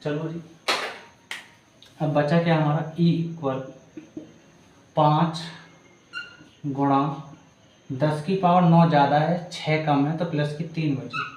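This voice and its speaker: Slowly and with long pauses, a man with a slightly high, steady, somewhat mellow voice works through a physics problem step by step, calling students "beta". The very echoey recording carries a little hiss or hum.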